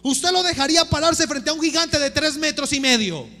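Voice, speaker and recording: Very high, bright-voiced preacher. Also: male voice, brisk. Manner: preaching with repeated rhetorical questions to the congregation. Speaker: pastor. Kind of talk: sermon. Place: church sanctuary. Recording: echoey church hall with music.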